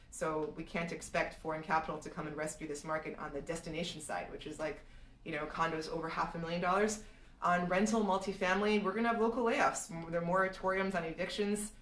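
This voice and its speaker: A woman's voice: lowish voice, fairly bright tone, far from the mic. A woman from Serbia answering viewers' market questions in a live stream, thinking aloud with frequent restarts. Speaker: real estate analyst answering viewer questions. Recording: echoey room, voice a bit off-mic.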